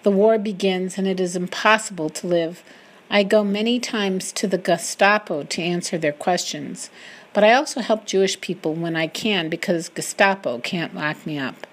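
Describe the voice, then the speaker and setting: A woman reading a first-person wartime memoir aloud, getting loud and emotional in the quoted speech. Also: fairly low pitch, normal speed.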